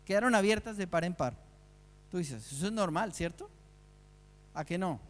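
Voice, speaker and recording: High-voiced man preaching in a reverberant hall. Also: animated, normal speed. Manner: earnest preaching with rhetorical questions. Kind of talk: sermon.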